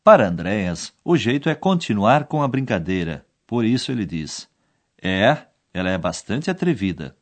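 Lively low-voiced male course narrator. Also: normal speed. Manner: explains each phrase, then quotes the foreign words. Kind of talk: scripted narration.

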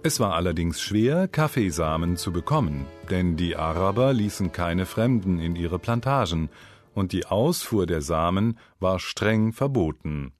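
A man giving scripted educational narration for a language-learning program, in a lively storytelling manner. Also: sits low, measured pace, no room sound, faint music behind.

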